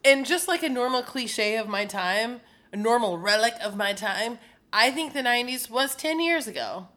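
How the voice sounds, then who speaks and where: A woman in her thirties co-hosting a podcast in casual chat, excitable and playful, swearing freely. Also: a little high, moderate pace. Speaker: podcast co-host.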